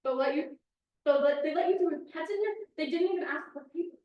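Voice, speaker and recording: A woman reads a play aloud with a proud, boastful, edgy manner. Her voice sits high. The sound is distant and roomy, with faint noise behind it. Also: fast talker, lo-fi sound. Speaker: actor in a staged reading, playing an actress fleeing Kyiv. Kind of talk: stage play reading. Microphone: distant microphone. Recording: echoey room, distant mic, faint noise.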